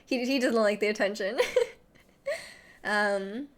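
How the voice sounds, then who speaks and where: In a slow, mid-range voice, this young woman streamer goes through chat messages, rambling casually. She speaks with a slight lisp and drops "like" into nearly everything.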